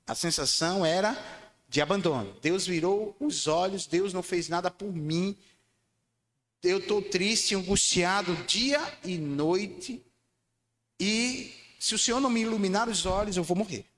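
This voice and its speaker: Emphatic preacher in a church hall. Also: male voice, measured pace. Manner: emphatic, calls for congregation responses; swings between loud high declarations and low quiet lines. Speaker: pastor. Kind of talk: sermon. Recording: long church hall reverb.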